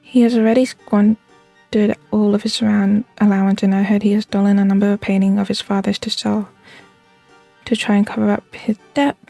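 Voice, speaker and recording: Woman reading as a mellow, confiding village gossip. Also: mid-range voice, vocal fry, close to an everyday voice. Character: gossipy villager, eagerly spilling a noble family's secrets. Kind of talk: read-aloud game character dialogue.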